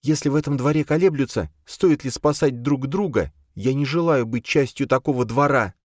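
A cool, stubborn cat-witch girl, as a male narrator plays her whose words come out calm, firm and dry. The voice is raised well above his own but stays level in temper. Dry, close recording. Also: a little high, normal speed, no room sound, voice pushed up, lightly acted.

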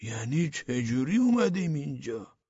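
Frantic young gendarmes yelp and whine in a rural twang, as a male audiobook reader puts them on in a raised, wildly swinging pitch. The voices are husky. It sounds like a dull, dry lo-fi audiobook recording. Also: sing-song, dry recording. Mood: panicked. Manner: frantic, whiny, dialect-tinged shouting. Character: panicked bumbling male provincial gendarmes, young adults.

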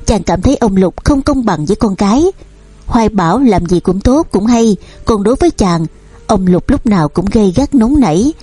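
A woman narrating a novel as an audiobook reader, in a steady storytelling manner. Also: mid-range voice, normal speed, breathy edge, no echo. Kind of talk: novel reading.

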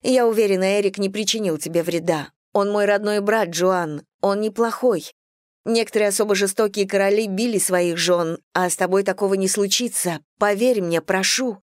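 A woman's voice: mid-range voice, normal speed, no room sound, close to an everyday voice. A woman voicing a caring young noblewoman, anxious and pleading, with a raised, dry voice. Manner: anxious, pleading and stern by turns. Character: higher-voiced caring noblewoman, the husband's sister.

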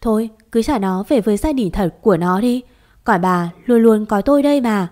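A woman's voice: medium pitch, expressive, normal speed, a little mellow, natural voice. A woman voicing a comforting older village man who welcomes guests and reassures his wife.

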